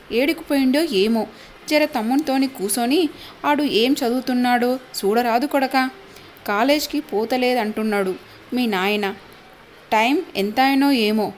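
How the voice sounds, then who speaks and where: Lady doing a shrill village mom, wailing and loud, higher up. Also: measured pace, a little hiss or hum, lightly acted. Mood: nagging. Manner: shrill, lamenting. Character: loud wailing village mother, middle-aged.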